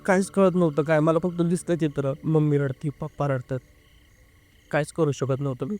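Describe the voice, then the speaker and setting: A man's voice: on the high side, steady tone, darkish tone, soft background music. Earnest young man recounting a story. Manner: earnest, halting, with filler sounds. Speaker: interview guest. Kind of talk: casual first-person storytelling.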